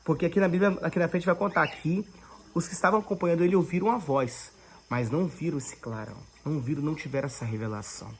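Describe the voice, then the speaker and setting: A woman's voice: deep voice, quick pace. A Brazilian woman leading an online Bible devotional, preaching fervently and addressing her listeners as brothers. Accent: Brazilian Portuguese. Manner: fervent, addresses listeners as brothers, swings between loud and hushed.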